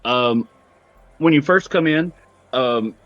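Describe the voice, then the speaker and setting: A man's voice: mid-range voice, slow pace, a bit bright, no echo, lo-fi sound. A man running a tabletop role-playing game as game master, narrating in a casual, conversational way. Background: music.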